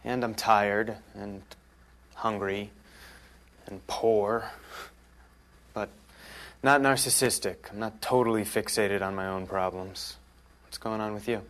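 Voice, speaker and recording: A man's voice: fairly low pitch, fairly even intonation, slow pace, a bit bright. Fed-up young man resident, broke and complaining. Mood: wry. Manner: complaining, frustrated. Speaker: medical resident.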